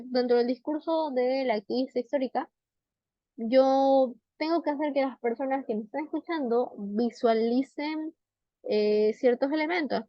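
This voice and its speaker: A young woman lays out how to build a speech, talking like a coach, loose and chatty, tossing in rhetorical questions as she goes. Her voice sits a little high. The sound is dry and close, a bit muffled. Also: dry recording. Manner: conversational, frequent fillers and rhetorical questions. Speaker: debate coach. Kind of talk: explanatory talk. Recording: dull, slightly muffled sound.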